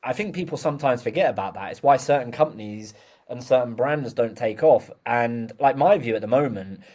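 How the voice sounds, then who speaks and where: A man's voice: mid-range voice, fairly quick, dark tone. A man hosting a casual business conversation, chatty and loose, leaning on fillers as he talks. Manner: chatty, many fillers like "like", agrees often.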